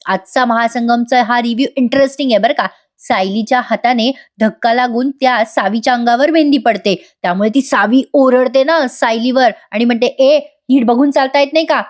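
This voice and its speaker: A woman narrating a voice-over review of a TV serial, chatty and addressing viewers directly. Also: fairly high pitch.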